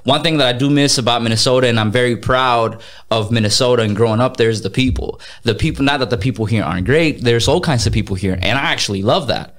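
A man in his thirties from Mexico chats as an interview guest, mid-pitched and energetic. He restarts his sentences often and slips Spanish phrases into his talk. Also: fast talker. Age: 30s. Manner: energetic, repeats words, mixes in Spanish phrases. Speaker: guest, music artist and businessman. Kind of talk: casual interview chat.

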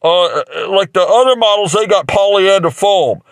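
A man's voice: high voice, lively intonation, normal speed, no echo. A man improvising a rambling mock infomercial as a salesman, with crude jokes and lots of fillers. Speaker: comic playing a mattress salesman.

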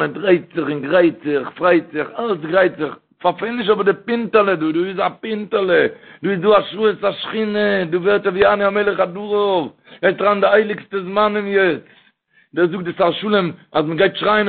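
Yiddish-accented guy preaching fast, slightly high voice, sounds like a tinny phone recording. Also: gravelly, husky. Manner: rambling, repetitive, addresses the listener with "verstehst du".

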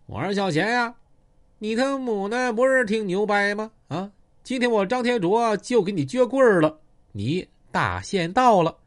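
A boastful, coarse gang boss, put on by a male storyteller. He taunts and threatens, and his pitch leaps up and down with every line. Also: wildly swooping pitch, normal speed. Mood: menacing boast.

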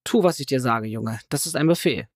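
A man's voice: mid-range voice, animated, a little fast, dry recording, clean studio sound. A man voicing a stern, commanding father who gives his son orders in a curt tone. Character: stern gun-owning father, middle-aged man.

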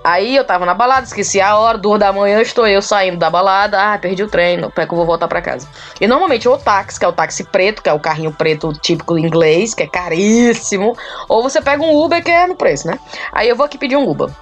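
A woman podcast host with a Cearense accent tells a story in relaxed chat, lively and laughing. Her voice sits at a middle pitch, neither high nor low, and her delivery is casual and animated. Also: fast talker, faint music behind. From Ceará, Brazil.

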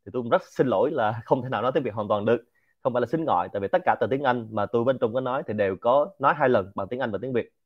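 Fast-talking man, central Vietnamese accent. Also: mid-range voice, slightly rough, highs cut off. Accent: Central Vietnamese (Quảng Nam). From Quảng Nam, Central Vietnam. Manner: animated, rhetorical, often asks the audience for agreement. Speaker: lecturer and host of a Q&A show. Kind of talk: informal business lecture.

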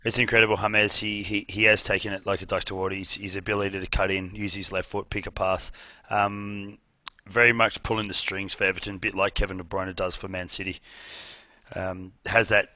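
Chatty bright-voiced male podcast host. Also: deep voice, little pitch movement, brisk, no echo. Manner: chatty, laughs often, says "mate". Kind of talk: casual football podcast chat.

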